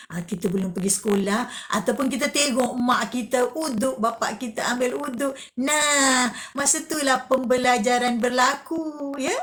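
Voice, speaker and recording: A woman's voice: medium pitch, a little hiss or hum. A woman gives a religious lesson to children. She asks questions, answers them herself and repeats key phrases. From Malaysia. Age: 50s. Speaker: religious teacher.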